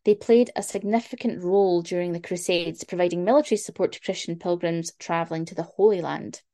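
A woman's voice: fairly low pitch, brisk, mellow. A young woman co-hosting a podcast, reading history notes in casual chat, swearing and stumbling over long words. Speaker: podcast co-host.

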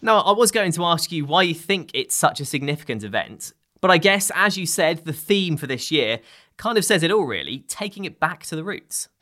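A woman hosting a podcast, asking questions in a steady, conversational way. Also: deep voice, normal speed. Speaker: podcast host. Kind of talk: interviewing.

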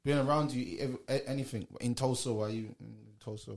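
A man's voice: medium pitch, fairly even intonation, a little fast, creaky. A man with a London accent asking questions in a casual, slangy interview chat.

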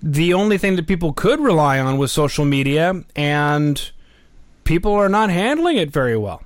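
An upbeat, chatty man hosts a rock and metal podcast and interviews a guest. His voice sits somewhat high. The sound is dry and close, with no room around it. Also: sing-song, normal speed, no room sound. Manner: upbeat, chatty, laughs easily. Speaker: podcast host. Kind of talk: casual interview.

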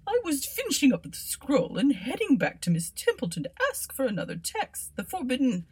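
A woman voicing a prim, flustered male scholar with a high, pinched way of talking. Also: wildly swooping pitch, a little fast, breathy edge, full character voice.

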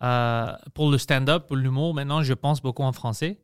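A man's voice: mid-range voice, steady tone, moderate pace, clean tone, no echo, studio quality. A man with a Greek accent, a native Greek speaker, hosting a podcast in casual chat on a podcast mic. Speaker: podcast host. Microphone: podcast microphone.

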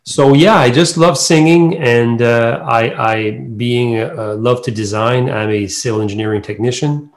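A man's voice: medium pitch, unhurried, hardly any pauses. Acadian man, rambling and casual. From New Brunswick, Canada. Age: middle-aged. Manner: rambling, loosely strung clauses. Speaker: singer, interview guest. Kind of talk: casual interview answers.

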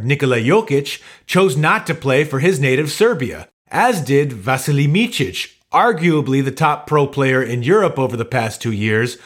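A man giving scripted narration for a sports podcast in a measured, informative delivery. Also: mid-range voice.

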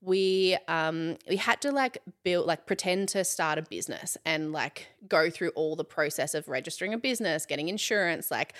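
A woman's voice: low voice, normal speed, hardly any pauses, a bit bright. A woman in her thirties with an Australian accent, a chatty interview guest who fills her talk with "like" and laughs often. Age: 30s. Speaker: guest, content creator. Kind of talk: casual interview chat.

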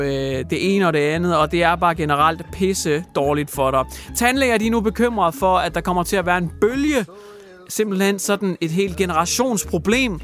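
A man's voice: on the high side, a bit bright. A man hosting a radio show, retelling odd news stories in a jokey, crude and theatrical way. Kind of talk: comic radio news chat.

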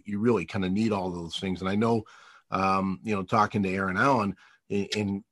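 A man's voice: sits low, steady tone, a little fast, a bit bright, no room sound, clean studio sound. A man hosting a radio interview show, asking long, wandering questions with plenty of fillers in a chatty way.

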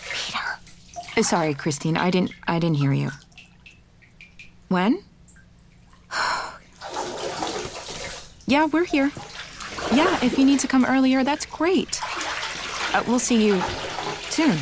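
A woman's voice: a little high, sing-song, slow pace, long pauses, noisy background, exaggerated voice. A woman playing an anxious wife hoping to adopt, who keeps apologizing and talks herself through things in an audio drama. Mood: flustered. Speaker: wife preparing for an adoption home visit.

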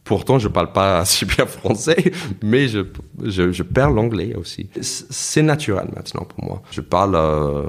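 Guest: American man, very low voice, non-native French with an American accent, reflective, halting storyteller. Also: expressive, vocal fry, slightly rough. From United States. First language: English. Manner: reflective, anecdotal, halting with frequent restarts. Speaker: guest, author. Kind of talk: casual interview conversation.

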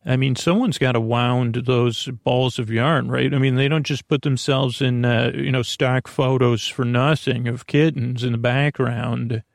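With fairly even intonation and a creaky, gravelly voice at a typical male pitch, a podcast host wanders through a bedtime monologue. He falters, repeats words and drifts off track before returning to where he left off, all captured in a very dry recording without room sound.

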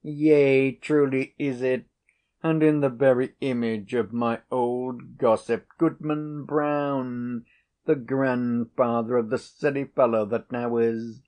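A man reading aloud and voicing an eager, fawning old woman who is secretly a witch, in a cackling, excited manner. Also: mid-range voice, takes it slowly, close to an everyday voice. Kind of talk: audiobook character reading.

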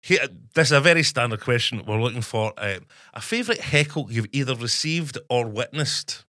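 A man with a West Coast Scottish accent hosts a podcast interview. His voice is bright and forceful, and he laughs often. The studio sound is dry and close. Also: mid-range voice, animated, normal speed, dry recording. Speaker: podcast host. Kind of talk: casual interview chat. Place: recording studio.

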